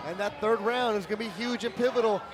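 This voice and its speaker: Very high-pitched male fight commentator. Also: quick pace. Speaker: fight play-by-play announcer. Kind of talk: live sports commentary. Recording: live fight with crowd behind.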